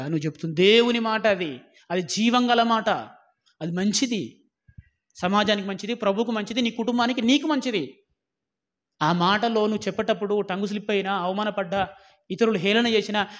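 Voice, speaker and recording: A man preaching a sermon, scolding and warning his listeners with many rhetorical questions, swinging between loud exhortation and low, quiet warnings.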